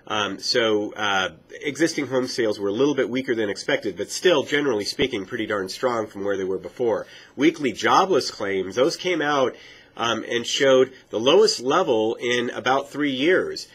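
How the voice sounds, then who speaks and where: A man, congested and nasal from a cold, gives an upbeat weekly mortgage market update. His voice is husky and thick, and his talk is full of fillers and self-corrections. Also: mid-range voice, a bit bright. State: stuffy from a cold. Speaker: mortgage professional, show host.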